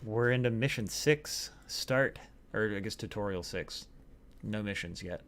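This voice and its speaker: Low-voiced man rambling over a game. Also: unhurried, a bit bright. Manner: rambling, with many filler words. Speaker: gamer playing and commenting. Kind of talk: casual gaming commentary.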